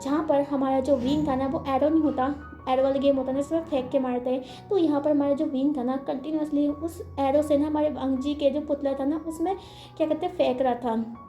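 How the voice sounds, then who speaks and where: A woman's voice: high voice, steady tone, fairly quick, warm tone, reverberant, dull audio, faint music behind. A woman casually retelling a fan story in a chatty way, full of fillers. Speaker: fanfiction narrator.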